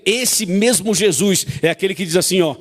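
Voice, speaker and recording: A man's voice: sits high, moderate pace, in a large hall. A man preaching a sermon, emphatic and repetitive, often asking the congregation to agree.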